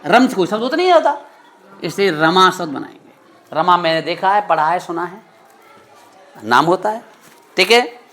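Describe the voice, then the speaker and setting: A man teaching a grammar lesson to a class, stern and scolding, who keeps firing quick questions at his students. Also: sits high, expressive, a bit bright.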